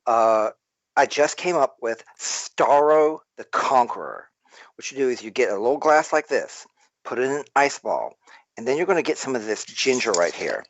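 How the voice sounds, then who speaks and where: A man's voice: medium pitch, animated, normal speed, dry recording, dull audio. A man with a Southern American accent, a tipsy guest rambling boisterously in a casual live-stream chat. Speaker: guest toy artist.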